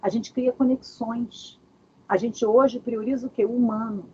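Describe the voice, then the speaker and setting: Uma mulher dá um workshop online de casa, com jeito animado e muitas perguntas retóricas. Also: female voice, a little high, measured pace, slight background noise. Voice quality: very husky. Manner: animated, asks many rhetorical questions. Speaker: workshop speaker. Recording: dull lo-fi video call audio.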